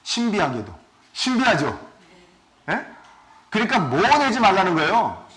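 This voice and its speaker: Animated Korean pastor preaching. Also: male voice, high-pitched, a little slow. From South Korea. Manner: asks the congregation questions often; animated, swings between loud and soft. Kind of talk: sermon.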